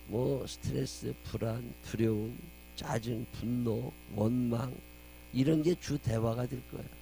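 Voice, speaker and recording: A man preaches a dawn sermon as pastor, his voice gravelly and mellow-dark. He asks many rhetorical questions and lifts his voice for scripture. A faint mains hum sits under the recording. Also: medium pitch, fairly even intonation, unhurried, poor audio.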